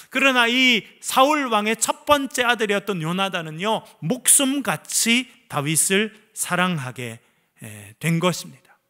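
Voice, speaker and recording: High, bright-voiced man preaching a sermon. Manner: animated storytelling preacher, voices the quoted figures; asks the congregation questions. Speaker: pastor. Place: church service.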